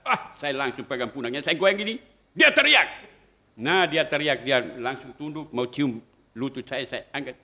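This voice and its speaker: A middle-aged male priest giving a storytelling homily, acting out the voices of the people in his stories. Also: medium pitch. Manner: animated, acts out quoted voices.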